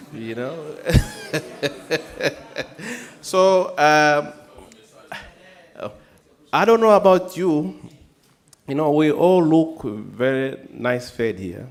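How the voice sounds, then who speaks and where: A middle-aged man from Malawi moderating a conference panel in a hall, speaking earnestly and emphatically with many fillers. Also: medium pitch.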